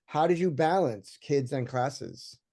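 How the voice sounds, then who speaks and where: A man moderating a panel discussion, talking in a relaxed, conversational way with many fillers. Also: medium pitch, slow pace.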